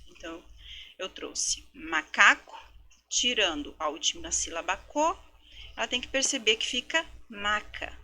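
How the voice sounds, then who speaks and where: A woman teacher giving a recorded lecture, explaining step by step and sounding out words slowly syllable by syllable, with frequent tag questions. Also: mid-range voice, sharp tone. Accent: Brazilian Portuguese. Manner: explanatory, slow syllable-by-syllable demonstrations. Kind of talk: recorded lecture for education students.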